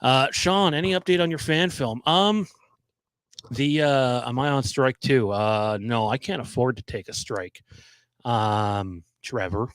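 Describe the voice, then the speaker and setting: A man hosting a live stream in casual chat, his voice nasal and hoarse from a cold, talking haltingly with many ums and restarts. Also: mid-range voice, no room sound. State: losing his voice. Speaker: livestream host.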